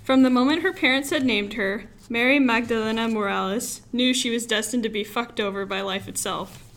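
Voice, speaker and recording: A young woman from Los Angeles, a student author, reading her own story aloud in a wry, expressive way. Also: on the high side, a little fast, faint music behind. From Los Angeles, USA. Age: young adult.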